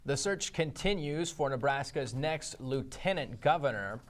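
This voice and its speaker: Male news anchor, American accent, medium-pitched voice, scripted news read. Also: expressive, unhurried.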